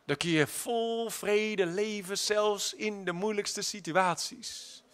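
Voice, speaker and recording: A man with a high, ringing voice delivers a sermon. He swings between hushed, stretched-out lines and loud, forceful declarations, and now and then slips into an English phrase. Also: steady tone, slow. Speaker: preacher.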